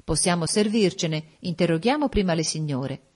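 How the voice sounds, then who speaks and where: A woman reading an audiobook voicing a brisk, decisive male colonel addressing the ladies. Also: fairly low pitch, expressive, a little mellow, husky. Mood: jovial.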